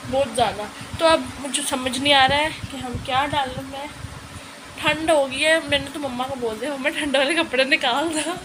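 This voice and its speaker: A young woman with a cold and sore throat chatting casually at home in a home vlog, rambling and repeating herself. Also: sits high. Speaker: vlogger. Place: at home, indoors and on a terrace in rain. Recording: rain noise in background.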